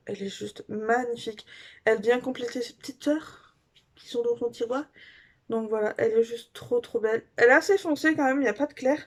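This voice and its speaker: Woman, slightly high voice, casual haul review, gushing and chatty. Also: darkish tone. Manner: gushing, chatty, many fillers. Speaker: beauty vlogger.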